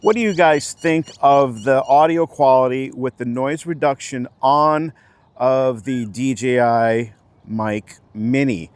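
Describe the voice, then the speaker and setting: A man's voice: medium pitch, slow pace, clean tone. A man reviewing gear in a casual vlog outdoors near water, talking straight to viewers through a wireless clip-on mic with noise reduction switched on. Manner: talks straight to viewers, asking for comments. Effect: noise reduction processing on the mic. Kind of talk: casual product-test vlog. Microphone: wireless clip-on mic on his sweater.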